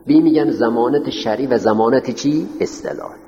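A man's voice: mid-range voice, warm tone, a little hiss or hum. A man teaching a class in a lecture style, dictating notes and putting questions to his students, then answering them himself. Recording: roomy, echoing hall on dull lo-fi audio.

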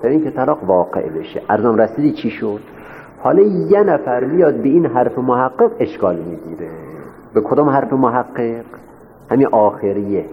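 A man's voice: mid-range voice, very animated. A man teaching a seminary class, repeating each point and asking his students rhetorical questions. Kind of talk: classroom lecture. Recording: echoey hall, dull lo-fi sound with faint noise.

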